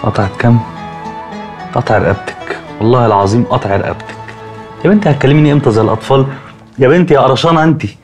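A man acting as a young Egyptian older brother who teases his little sister in a fast, mid-pitched voice. He mixes playful scolding with warmth. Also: faint music behind, natural voice. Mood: teasing. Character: teasing, affectionate older brother. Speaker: actor. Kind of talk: TV drama acting.

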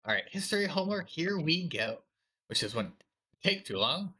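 Man voicing a caring teenage older sister, weary, fond, chatty, very bright tone. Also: on the high side, sing-song, normal speed, slightly rough, exaggerated voice. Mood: tired. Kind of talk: reading game dialogue aloud.

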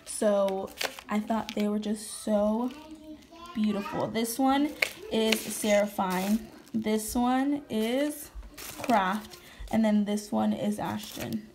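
Slow-paced and a little mellow, this young woman in her twenties speaks in a mid-range voice over slight background noise. Filming on her phone indoors in her home kitchen, the beauty vlogger chats about a shopping haul, talks straight to viewers, and uses lots of fillers.

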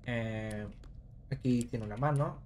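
Male gamer, relaxed let's-play chatter, mid pitch, faint hiss behind. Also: slow pace. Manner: casual, talks to viewers while puzzling aloud. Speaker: gameplay commentator.

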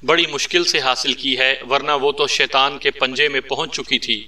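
A man's voice: mid-range voice, fairly even intonation, moderate pace, sharp tone. A man reading as a wisecracking male agent. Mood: teasing. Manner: playful, teasing. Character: joking witty male secret agent. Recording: distant mic.

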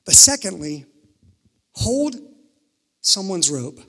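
A man from Kentucky preaching a sermon at a pulpit microphone, earnest, shifting between emphatic and hushed. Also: sits high, very animated, takes it slowly. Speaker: pastor. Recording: reverberant sanctuary, pulpit mic.

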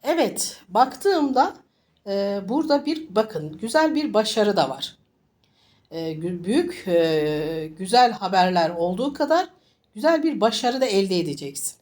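A woman reads fortunes in an informal, reassuring manner. She sounds congested from a flu, with a mid-range voice. Her delivery is halting, and she circles back to repeat phrases. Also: mid-range voice, animated, a little mellow. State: congested with a summer flu, sniffly. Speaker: fortune teller. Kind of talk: informal coffee-cup style fortune reading to viewers.

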